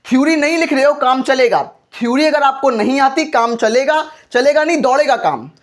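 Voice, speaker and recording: A man's voice: very high voice, expressive, brisk. Earnest man teaching chemistry. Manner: repetitive call-and-response questioning; earnest and encouraging. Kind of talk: board exam chemistry lesson.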